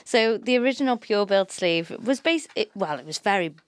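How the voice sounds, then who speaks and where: A woman's voice: medium pitch, animated, normal speed, smooth, no echo. A woman chatting casually as a company co-host, with a giggly manner of talking. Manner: giggly, often laughs while talking. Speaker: company co-host presenting products. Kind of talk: casual chat.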